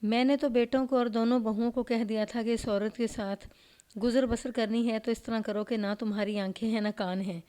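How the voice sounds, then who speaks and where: A woman's voice: on the high side, fairly even intonation, dark tone, clean tone, natural voice. A woman reading the lines of a grieving older father of a murdered son in a storybook crime tale, lamenting and complaining.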